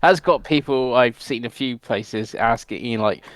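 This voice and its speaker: A man co-hosts a casual gaming podcast, reading out gaming news in a chatty, rambling way and laughing along. His mid-range voice moves at a moderate pace, with no echo.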